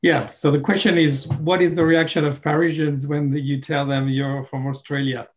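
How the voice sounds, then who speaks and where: A man with a French accent puts a short, direct question over a video-call microphone. His voice sits a little higher than most men's. He speaks English as a second language. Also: little pitch movement, moderate pace. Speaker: audience member asking a question. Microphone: video call mic.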